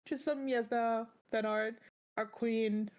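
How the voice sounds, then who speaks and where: A young woman co-hosting a casual book podcast, her voice sitting a little high. She is bubbly and giggly, with plenty of fillers and restarts. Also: steady tone, takes it slowly. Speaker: podcast co-host. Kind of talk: casual chat.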